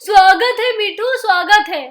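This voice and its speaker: A woman voicing a guilty, soft-hearted male crocodile in a children's storybook, pleading and apologetic. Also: extremely high pitch, a little slow. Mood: friendly.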